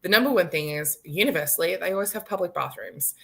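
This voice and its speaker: A woman in her late thirties with a low-set, bright, forceful voice, telling a personal story over a video call. She talks animatedly, laughs often and acts out what people said. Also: animated, fast, creaky. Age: late 30s. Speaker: guest. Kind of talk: storytelling in a live-stream chat.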